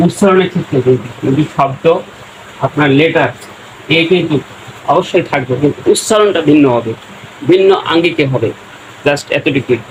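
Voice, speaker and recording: Slow, patient male English teacher. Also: a little high, noisy background. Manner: slow, repeats words syllable by syllable while writing. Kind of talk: slow spoken-English lesson.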